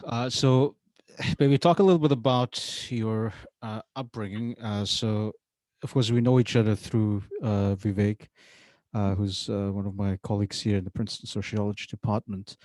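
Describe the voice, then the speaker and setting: A man hosts a casual podcast interview in a fairly low voice, pausing often and filling the gaps with uh. The recording is dry and close, with no room sound around him. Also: steady tone, a little mellow, no room sound. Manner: hesitant, many uh fillers. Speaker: podcast host. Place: university setting.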